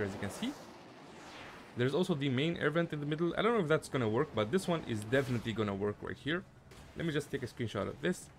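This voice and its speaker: Lively young man walking through a game. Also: mid-range voice, slight background noise. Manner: chatty, lots of fillers, addresses viewers as guys. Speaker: gaming guide creator. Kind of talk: casual game walkthrough commentary.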